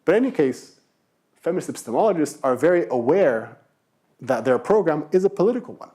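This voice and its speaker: A man in his thirties lecturing to a university class in a mellow, darker voice. He explains step by step, poses rhetorical questions and repeats key words for emphasis. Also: fairly high pitch, very animated, fairly quick. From Brazil.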